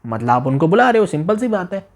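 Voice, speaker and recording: A man teaching a beginner language demo class, repeating phrases slowly, asking the listener questions and exaggerating his tone to show meaning. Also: high voice, sing-song. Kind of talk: demo class lesson taught in Hindi.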